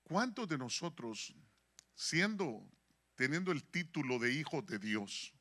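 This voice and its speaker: A man preaching in a church, telling a story. His voice sits high and sounds sharp and forceful. He acts out every quoted line of the dialogue. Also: sing-song, takes it slowly. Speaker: pastor. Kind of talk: sermon with storytelling. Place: church in San Diego.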